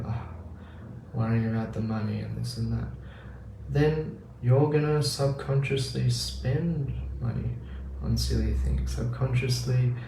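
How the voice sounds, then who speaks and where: Gravelly-voiced man teaching meditation. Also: mid-range voice, mellow. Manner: casual, acts out the inner voice in quick asides. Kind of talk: spiritual teaching talk. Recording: roomy, distant mic with faint noise.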